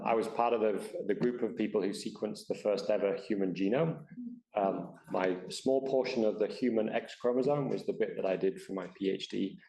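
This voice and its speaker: A man in his fifties with an English accent, speaking as a scientist on a library panel, thoughtful and halting with many ums and restarts. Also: fairly low pitch, vocal fry, a little mellow. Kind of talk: panel talk to a live audience. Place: library meeting room. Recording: roomy hall echo.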